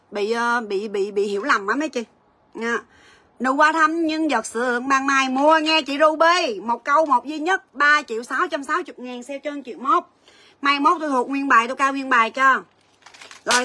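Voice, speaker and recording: Woman, chatty livestream seller, bright voice, fairly high pitch. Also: no room sound. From Vietnam. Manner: chatty, rapid price calls, storytelling asides. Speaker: gold shop livestream seller. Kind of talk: livestream sales chat.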